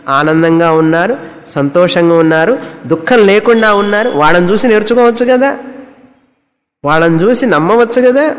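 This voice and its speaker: A man teaching a spiritual discourse on scripture, asking rhetorical questions and repeating phrases. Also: high voice. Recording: long hall reverb.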